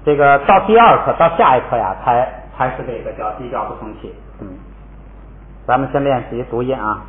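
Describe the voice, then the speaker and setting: A man teaching a language lesson in a relaxed spoken style, explaining patiently and repeating words for students to echo. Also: mid-range voice, a little fast. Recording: echoey room over a tinny phone-like line.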